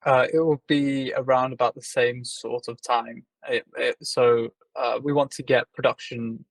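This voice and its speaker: A man from the UK, a company founder, explaining things in a measured way with many ums and uhs during an interview. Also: mid-range voice, fairly even intonation, gravelly, dry recording, low-quality recording. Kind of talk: casual video interview.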